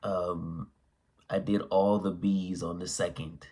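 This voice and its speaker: A man's voice: low voice, flat delivery, slow, a little mellow. A man with the hiccups giving a laid-back, rambling spoken vocabulary lesson. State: has the hiccups. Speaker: vocabulary teacher.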